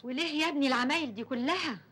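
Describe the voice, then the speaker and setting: A woman's voice: sits high, rapid-fire, background noise, natural voice. A woman playing a worried Egyptian mother. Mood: pleading. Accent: Egyptian Arabic. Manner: pleading, worried. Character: worried working-class mother, pleading, devoted.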